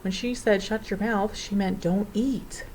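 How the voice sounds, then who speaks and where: A woman voicing a fussy, flustered old male professor in a storybook reading, with excitable old-fashioned exclamations. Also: mid-range voice, unhurried, a little hiss or hum, close to an everyday voice, low-quality recording.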